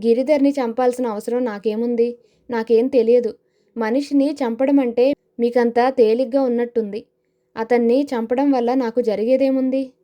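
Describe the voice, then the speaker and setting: A woman's voice: fairly high pitch, fairly even intonation, moderate pace, dark tone, natural voice. A woman voicing a brave, indignant young man. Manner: indignant, defensive retorts.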